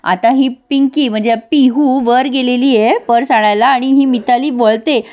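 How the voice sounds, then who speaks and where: A woman's voice: high voice, steady tone, moderate pace, muffled recording. A woman narrating a casual recap of a TV serial episode and addressing viewers directly.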